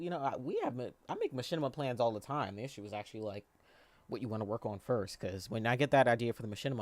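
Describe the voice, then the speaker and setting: Chatting casually with viewers on his live stream, a man in his 20s speaks in a rambling, faltering manner, full of fillers and do-overs. He sounds youthful and boyish, with a mid-range voice.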